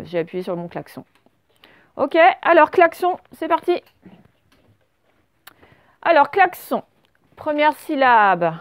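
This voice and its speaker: A French woman teacher giving a slow dictation lesson to young children, stretching out words and spelling letters. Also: fairly high pitch, darkish tone, clean tone, dry recording. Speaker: primary school teacher.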